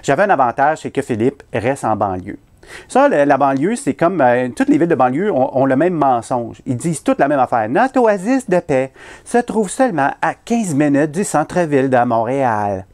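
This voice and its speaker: Man, Québécois French accent, comic storyteller, lively pitch, self-mocking, conversational. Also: normal speed. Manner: animated, punchline-driven, self-mocking. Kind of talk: comedic storytelling performance.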